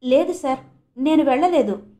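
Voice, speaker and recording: A woman's voice: high voice, moderate pace, dark tone, voice pushed up, lightly acted. A woman voicing an evasive middle-aged male doctor who answers defensively in a storybook reading.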